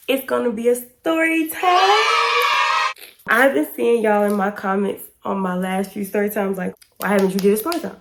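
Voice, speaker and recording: An American YouTuber in her twenties gives a casual storytime chat to camera, informal, slangy and emphatic. Her medium-pitched voice is congested and a touch hoarse from pollen, and there's a little hiss or hum.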